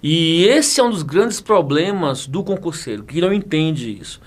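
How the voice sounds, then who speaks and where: Lively intonation and a moderate pace mark this man's higher-pitched voice. He's a guest on a relaxed interview, a federal police chief who also teaches, from Bahia, Brazil, in his 40s, prone to jokes, laughter and repeated words.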